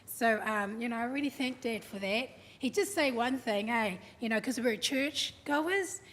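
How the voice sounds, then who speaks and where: A woman's voice: on the high side, moderate pace, fairly bright tone. A woman, giving a chatty, humorous eulogy for her father and acting out what he said. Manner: chatty, humorous storytelling, acts out quotes. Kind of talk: eulogy at a family service. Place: large hall at a memorial service. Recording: echoey hall, faint background noise.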